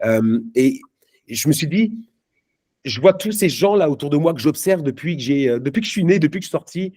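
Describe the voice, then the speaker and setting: The speaker, a man with a fairly high, expressive, darkish voice, talks fairly quickly to a live crowd at a network marketing event. His motivational pitch is punchy and emphatic, casual and slangy, peppered with fillers and false starts.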